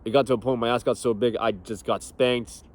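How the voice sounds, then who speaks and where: A young male fitness coach talking in a loose, profane, motivational way. He is blunt and laughs easily, and his voice sits at an ordinary middle pitch. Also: fairly even intonation, a little fast, a little mellow. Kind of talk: casual motivational talk.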